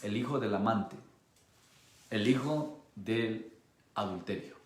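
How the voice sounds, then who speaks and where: A male pastor preaching a sermon with passion, moving between hushed tones and a raised voice. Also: lowish voice, takes it slowly, roomy sound.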